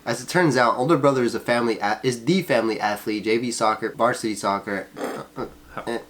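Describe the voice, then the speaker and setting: A man's voice: medium pitch, fairly quick, a bit bright. A man co-hosting a podcast, reading Reddit posts aloud and breaking off to joke and laugh. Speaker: podcast co-host.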